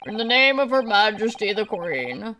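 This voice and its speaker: A woman's voice: medium pitch, big pitch swings, normal speed, sharp tone, poor audio. A woman voicing a stern, pompous elderly male British judge, reading game lines on a livestream, with faint music behind. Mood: stern, formal. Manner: formal, pompous.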